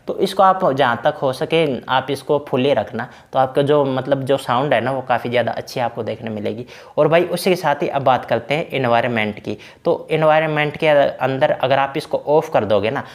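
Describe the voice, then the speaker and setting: A man giving a casual, chatty walkthrough of a truck driving game's settings, talking the viewer through each option. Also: mid-range voice. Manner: chatty, repeats fillers like "na" and "bhai". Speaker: game tutorial creator. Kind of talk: casual screen-recorded game walkthrough.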